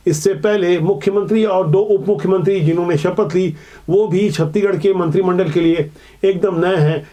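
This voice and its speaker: A man presenting political news commentary in a measured, explanatory way. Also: high voice, darkish tone. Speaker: news anchor.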